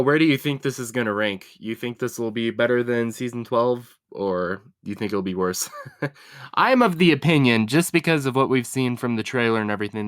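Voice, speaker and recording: A man's voice: fairly low pitch, clean tone, no echo, clean studio sound. A young man hosting a casual podcast chat, laughing often and putting questions to the panel. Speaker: podcast host.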